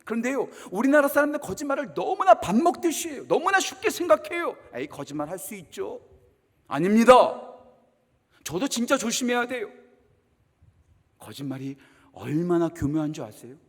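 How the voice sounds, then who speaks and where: A man preaching a sermon as a pastor, animated and full of rhetorical questions. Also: high voice, normal speed, in a large hall. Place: church sanctuary.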